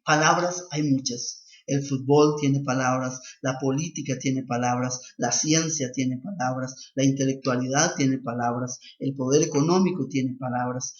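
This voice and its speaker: A man's voice: medium pitch, steady tone, normal speed, few pauses. Emphatic male preacher, echoey. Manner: emphatic, repetitive preaching cadence. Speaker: lay missionary preacher. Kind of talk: sermon. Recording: echoey, dull lo-fi recording.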